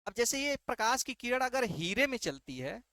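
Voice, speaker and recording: A man's voice: extremely high pitch, very animated, normal speed, pushed and bright, no room sound, studio quality. A male teacher giving an exam-prep lesson, asking rhetorical questions and answering them himself, and often repeating key terms. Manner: repeats key terms and checks understanding with "ठीक है".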